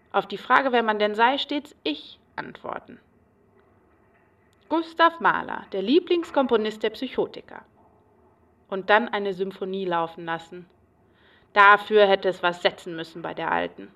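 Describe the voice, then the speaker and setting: A paranoid, rambling patient. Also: female voice, medium pitch, a bit bright, recorded from a distance. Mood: obsessive. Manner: rambling, obsessive and repetitive. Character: agitated, paranoid woman psychiatric patient. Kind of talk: radio play monologue.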